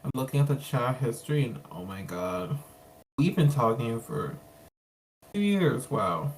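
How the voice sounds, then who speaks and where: An interview host with a mid-range voice who talks in an excitable, loose way. The speech is scattered with "like" and "um" fillers. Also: medium pitch, measured pace. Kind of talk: casual interview chat.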